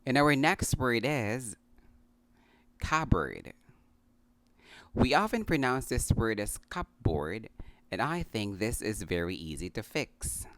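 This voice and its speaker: A man with a Filipino accent teaching English pronunciation, repeating each word deliberately and slipping in Tagalog phrases. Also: mid-range voice, big pitch swings, a bit bright, dry recording. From Philippines. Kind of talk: pronunciation lesson.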